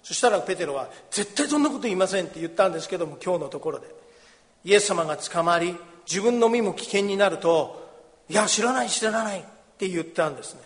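High-voiced man preaching in a reverberant hall. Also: lively intonation, fast. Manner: explains gently in a conversational way. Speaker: pastor. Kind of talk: sermon with Bible reading. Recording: long reverb of a large hall.

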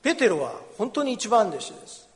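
A man, a pastor, giving a sermon with Bible reading, explaining gently in a conversational way in a church. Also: sits high, sing-song, a little fast. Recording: long reverb of a large hall.

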